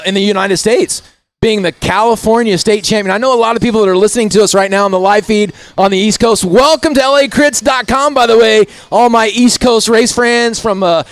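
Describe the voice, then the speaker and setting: Chatty high-voiced race commentator man. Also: no room sound. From Indiana. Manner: chatty, folksy, keeps saying "if you will". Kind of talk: live bike race commentary.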